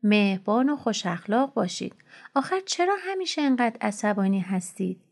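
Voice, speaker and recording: A woman's voice: mid-range voice, big pitch swings, creaky. A woman voicing a loyal, long-serving male servant who speaks in an earnest, pleading way.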